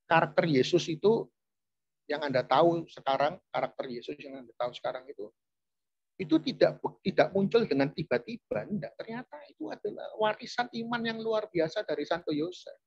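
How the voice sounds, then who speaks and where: A man's voice: a little high, expressive, a little fast, slightly rough, dry recording, lo-fi sound. A man preaching a chatty, conversational sermon, often turning to address his listeners directly. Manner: chatty, addresses audience often, restarts phrases.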